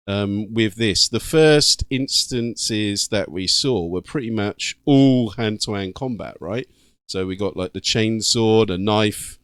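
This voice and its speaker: A man's voice: lowish voice, clear, resonant tone, dry recording, clean studio sound. A British man hosting a gaming channel, giving casual, slangy reaction commentary in an informal way. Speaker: YouTube gaming channel host.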